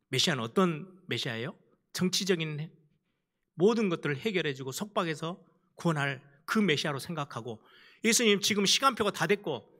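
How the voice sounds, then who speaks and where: A male pastor preaching a sermon, emphatic and animated, acting out the people in his story. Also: fairly high pitch, in a large hall. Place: church sanctuary.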